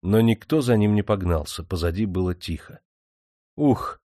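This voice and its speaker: A man narrating an audiobook in a steady, measured storytelling manner. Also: low voice, no room sound, studio quality. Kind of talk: scripted narration.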